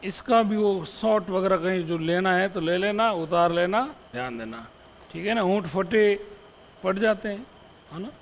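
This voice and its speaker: A man's voice: sits high, a little slow, big-room sound, a little hiss or hum. A male Hindi grammar teacher giving an exam-prep lesson, repeating example phrases and checking in with the students after each one. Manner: poses questions to the students.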